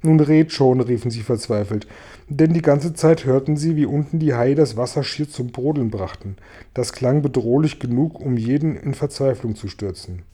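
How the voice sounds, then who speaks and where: Man with a very dark, mellow voice. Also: mid-range voice, normal speed, slightly rough. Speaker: reader. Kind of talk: audiobook narration.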